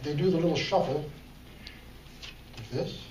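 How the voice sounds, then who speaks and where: A man's voice: on the high side, moderate pace, a little mellow, dull audio. A man emceeing a church talent show, joking with the audience as he performs a card trick. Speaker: emcee and magician. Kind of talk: stage patter with card trick. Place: church hall with live audience. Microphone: far room recording. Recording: roomy hall, distant mic, audible noise.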